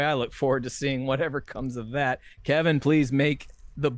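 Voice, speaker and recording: A male podcast co-host talking casually at an average pitch, trailing into fillers and restarts as he goes. He jokes around and laughs easily. The sound is close and dry, with no room behind it. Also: dry recording. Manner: rambling, lots of fillers and self-corrections; joking, laughs often.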